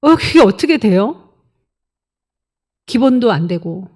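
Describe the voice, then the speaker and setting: A woman's voice: on the high side, sing-song, slow pace, a little mellow. A woman pastor preaching a sermon emphatically, firing rhetorical questions and prodding the congregation for answers.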